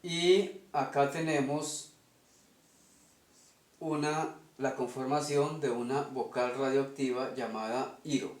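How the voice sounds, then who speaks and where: A man's voice: medium pitch, fairly even intonation, slow pace, echoey room. A man with a Colombian Spanish accent teaching a lesson step by step, stopping often to ask "ok?". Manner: methodical, checks in with "ok?". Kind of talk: explaining an invented language at a whiteboard.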